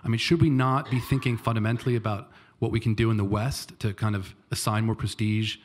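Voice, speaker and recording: Low-voiced man asking from the floor. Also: steady tone, a little fast, slight background noise. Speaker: audience questioner. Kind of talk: question from the floor.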